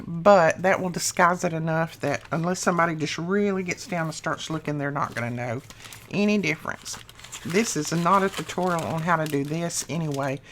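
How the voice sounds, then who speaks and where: Her voice is deep and a touch rough, as if it's still morning, while this middle-aged craft channel host talks casually through a tutorial. She laughs whenever she slips up, with a bit of noise in the background.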